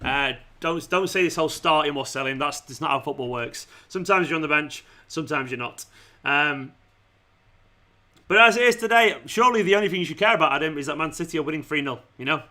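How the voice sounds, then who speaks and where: A fan channel host runs a football watchalong livestream, his voice a little high, animated and fast with a sharp tone, even as it starts to go. He chats with viewers casually and matily, often calling them "man," "mate" or "pal."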